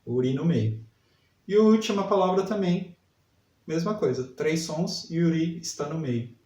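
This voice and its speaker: A man teaching a literacy lesson, sounding out syllables slowly and repeating each word. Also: fairly high pitch, expressive, dark tone, far from the mic. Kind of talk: slow spelling lesson for adult learners. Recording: echoey room, voice set back from mic.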